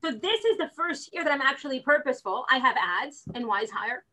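With poor audio quality, a high-pitched woman talks fairly quickly. The guest, a real estate recruiter in an informal interview, is energetic and animated and acts out the quotes she repeats.

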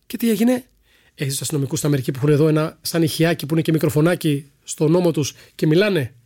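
A middle-aged man, a sports broadcaster, telling lively anecdotes in a podcast chat and acting out the people in them. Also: on the high side. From Greece. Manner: animated storyteller who acts out voices in quotes.

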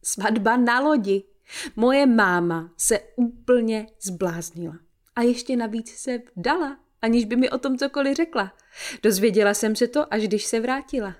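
A woman reading a first-person novel aloud in a measured storytelling voice with a dry, ironic edge. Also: on the high side. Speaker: audiobook narrator.

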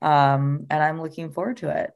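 A woman co-hosting a podcast in casual chat, enthusiastic and agreeable, with quick laughs. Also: low-pitched, fairly even intonation, vocal fry, a little mellow. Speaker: podcast co-host.

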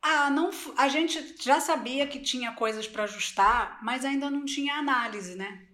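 A woman guest on an interview, a baker, telling her story in a lively, animated way and acting out quoted conversations. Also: high-pitched, moderate pace. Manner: animated, acts out quoted dialogue. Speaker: guest, baker and course creator.

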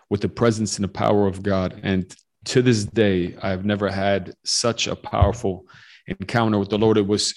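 A man in his forties, born in Romania, telling his faith story as a guest on a podcast call, earnest and full of fillers and restarts. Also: lowish voice. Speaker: guest missionary. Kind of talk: testimony in a podcast interview. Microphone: remote call over the internet.

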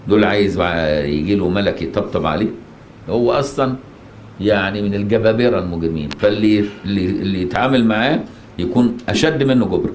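Teaching a religious lesson in everyday Egyptian Arabic, a man with a low-leaning, darkish voice pauses to ask his listeners questions and check their understanding. The sound echoes like a mosque, with faint noise underneath.

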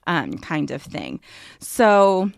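A woman's voice: low voice, wildly swooping pitch, drawn-out words, gravelly, clear, resonant tone, dry recording. A woman co-hosting a podcast in casual chat, talkative, with many fillers. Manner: chatty, filler-heavy, laughs easily. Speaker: podcast co-host.

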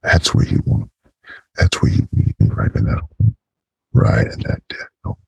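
A man speaking through a voice effect that pitches him very deep, in a slow, murmured, commanding intimate monologue. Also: no room sound. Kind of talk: intimate erotic hypnosis monologue. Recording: dull lo-fi dry recording.

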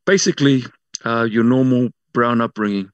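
A man's voice: medium pitch, normal speed, no room sound, lo-fi sound. New Zealand man, informal storyteller, dry close sound. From South Auckland, New Zealand. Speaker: interview guest working in media. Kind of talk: casual personal storytelling.

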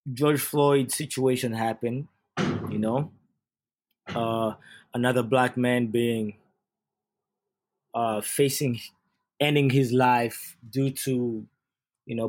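A Ugandan youth sports coach gives an earnest, casual podcast monologue in a medium-pitched voice, often repeating and restarting his phrases.

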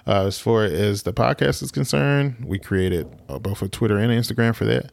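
Gravelly low-voiced man. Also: moderate pace, dry recording. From Alabama. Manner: teasing, dry banter. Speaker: podcast host. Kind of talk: casual podcast chat.

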